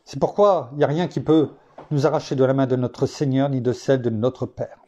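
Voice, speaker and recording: A male preacher from France delivers a sermon in a warm, mellow voice. He teaches reflectively, weaving in personal anecdotes. He stresses key points by lifting his pitch emphatically. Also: fairly even intonation, a little fast, lo-fi sound.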